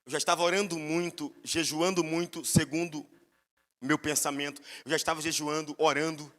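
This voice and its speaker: A man's voice: fairly high pitch, steady tone, a little fast, a bit bright, in a large hall. A man with a Brazilian accent, a pastor preaching a sermon and telling stories with emphatic rises in his voice.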